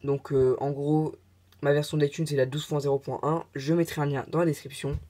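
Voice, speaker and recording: A man whose voice is fairly high, mellow and relaxed leads a casual step-by-step tech tutorial. He talks in a hesitant, halting way, using plenty of filler sounds and making offhand chatty comments.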